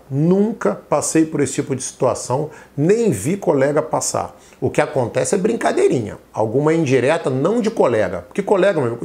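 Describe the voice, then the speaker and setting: A man's voice: mid-range voice, gravelly, a little mellow. A middle-aged man with a Carioca accent, a tax auditor giving casual, emphatic advice to viewers and acting out their imagined questions. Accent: Carioca Brazilian Portuguese. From Rio de Janeiro. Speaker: tax auditor and exam-prep teacher.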